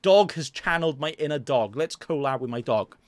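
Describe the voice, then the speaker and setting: A young man chats loosely on his podcast, his voice sitting a little high. He keeps mocking himself and restarting his sentences, recorded close and dry in a small room. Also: expressive, a little fast, dry recording. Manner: self-mocking, jokey, rambling with restarts. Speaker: podcast host. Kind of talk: casual rambling chat. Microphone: desk mic in front of a green screen.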